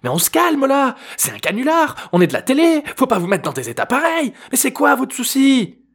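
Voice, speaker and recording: A man voicing a panicked, indignant TV prankster in an alien costume in an audiobook, yelling in a high voice. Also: huge pitch swings, brisk, husky, exaggerated voice. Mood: pleading.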